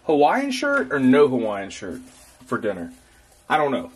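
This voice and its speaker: A man's voice: mid-range voice, huge pitch swings, normal speed, husky. A young man, chatting casually to camera in a travel vlog, upbeat and full of fillers. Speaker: vlogger.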